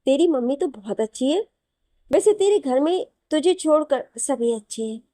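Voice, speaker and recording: Cheeky spoilt young bride, read by a woman narrator in an audio story, fairly high and mellow, close and dry. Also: expressive, normal speed, no room sound. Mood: complaining. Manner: teasing, cheeky retorts. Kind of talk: Hindi audio novel reading.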